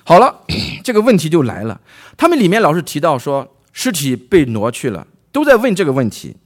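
A man from China preaches a sermon in a lively, animated way, his voice swinging up and down as he retells a Bible story. His voice sits a little higher than most men's, and he keeps putting questions to his listeners. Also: brisk.

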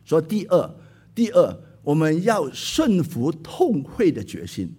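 A man's voice: fairly high pitch, wildly swooping pitch, unhurried, dark tone, breathy edge. A man preaching a sermon, emphatic, repeating key words and exclaiming often.

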